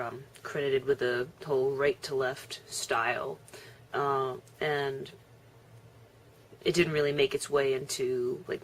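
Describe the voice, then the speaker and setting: Low-voiced young woman chatting on a vlog. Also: slight background noise. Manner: chatty, laughing, chewing while talking. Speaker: vlogger. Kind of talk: casual vlog chat.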